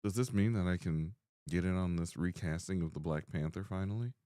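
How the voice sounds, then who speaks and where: A man co-hosting a podcast, chatting casually, animated and full of questions. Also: sits low, brisk, dry recording, clean studio sound. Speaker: podcast co-host. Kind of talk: casual chat.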